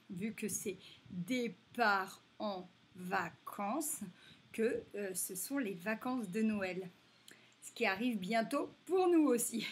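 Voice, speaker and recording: Woman, primary teacher voice, unhurried, breathy edge, drawn-out stressed words for small kids. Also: medium pitch, fairly bright tone. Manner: slow, stretches and stresses example words. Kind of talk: reading lesson for young children.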